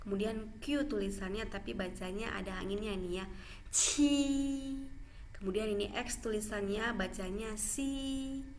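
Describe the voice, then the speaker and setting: A woman's voice: medium pitch, steady tone, slight background noise. A woman teaching Mandarin pronunciation in a classroom style, stretching out model syllables and checking in with "ya". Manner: slow, drawn-out model syllables with frequent "ya" check-ins.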